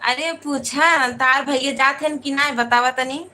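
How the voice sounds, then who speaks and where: A woman's voice: high-pitched, fairly even intonation, normal speed, sharp tone, poor audio. A woman, chatting casually on a phone live stream, greeting viewers by name and asking for their support. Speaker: live-stream host and folk singer. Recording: faint background noise.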